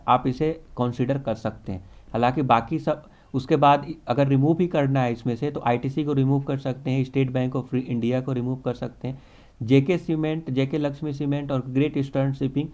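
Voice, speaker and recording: Male host, mellow tone, confident casual market talk. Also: mid-range voice. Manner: confident, repeats stock phrases, mixes English terms into Hindi. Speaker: stock market channel host. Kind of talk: casual stock analysis.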